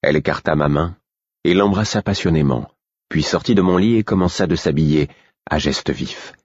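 A man with a very deep, husky voice narrates a fantasy audiobook at a measured pace. The recording is dry and close, with a dull, muffled sound. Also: darkish tone, no echo. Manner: measured storytelling. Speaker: audiobook reader.

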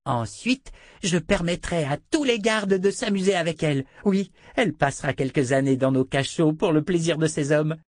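A man voicing a cruel, taunting little princess, high and shrill. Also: moderate pace, no room sound, studio quality, lightly acted. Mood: gloating. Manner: taunting, gloating.

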